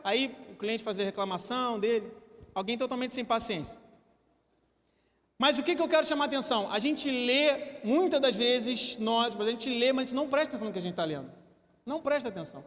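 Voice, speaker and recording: A man with a Brazilian Portuguese accent preaching a sermon to a church congregation, animated and drawing listeners into a staged demonstration. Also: very high-pitched, fast talker. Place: church hall. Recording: church hall with long reverb.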